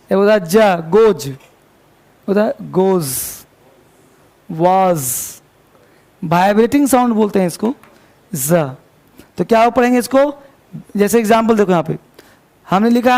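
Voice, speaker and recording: A high-pitched, gravelly, slightly mellow male voice belongs to an English teacher with a Hindi-speaking North Indian accent. During his grammar lesson he spells out words one letter at a time and asks his students questions only to answer them himself.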